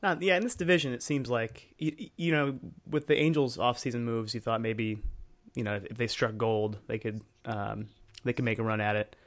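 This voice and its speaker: A man's voice: mid-range voice, fairly even intonation, moderate pace. A man co-hosting a sports podcast, rambling casually. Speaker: podcast co-host.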